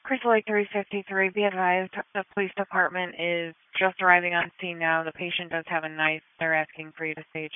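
A woman's voice: lowish voice, flat delivery, a little fast, hardly any pauses, clean tone, no room sound. Woman dispatcher on narrow ambulance radio. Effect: two-way radio. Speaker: emergency dispatcher. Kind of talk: ambulance radio dispatch, clipped procedural replies. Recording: dry, narrow phone-like radio channel.

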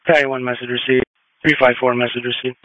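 A man's voice: medium pitch, level tone, fast, dry recording, phone-quality sound. A man working as an emergency dispatcher, speaking in a clipped, businesslike procedural way over two-way radio. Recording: dry close two-way radio audio.

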